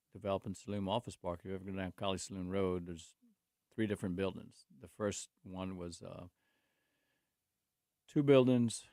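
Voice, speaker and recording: Here a man in his 60s talks in a low, darkish voice on a dry recording with clean studio sound. A guest on a casual talk show who runs a construction company, he speaks openly about faith while telling meandering life stories full of restarts.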